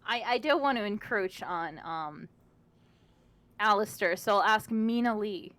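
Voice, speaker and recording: A woman playing a tabletop game, animated and swearing freely. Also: medium pitch, a little slow, dry recording. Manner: animated, swears, begs dramatically. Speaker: player. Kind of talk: casual tabletop play.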